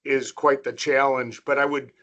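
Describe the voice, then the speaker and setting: Bright-voiced American man presenting analysis. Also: medium pitch, little pitch movement, moderate pace, highs cut off. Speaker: panelist, political analyst. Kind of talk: informal presentation. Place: online video meeting.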